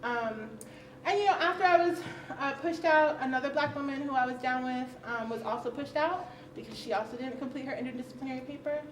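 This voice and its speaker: A woman's voice: high voice, a little fast. A woman speaking frankly and conversationally on a conference panel, often laughing as she talks. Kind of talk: candid personal talk at a roundtable. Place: conference session room. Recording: roomy, distant, faint hiss.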